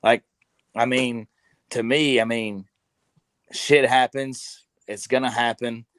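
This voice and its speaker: A man's voice: medium pitch, fairly even intonation, slow pace, a bit bright, no room sound. A man in his twenties on a podcast, rambling in casual chat, full of fillers and cursing. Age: 20s. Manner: rambling, heavy with fillers and swearing.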